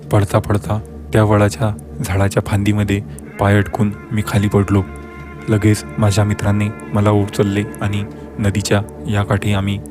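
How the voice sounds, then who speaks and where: A man reading a scripted horror story aloud as a storyteller, in an even, steady manner. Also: fairly low pitch.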